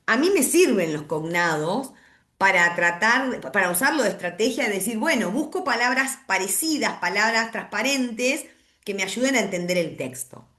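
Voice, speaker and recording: A woman's voice: medium pitch, lively intonation, normal speed, fairly bright tone, reverberant. A woman giving a recorded class, explaining step by step and checking in with frequent "¿sí?". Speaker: English teacher.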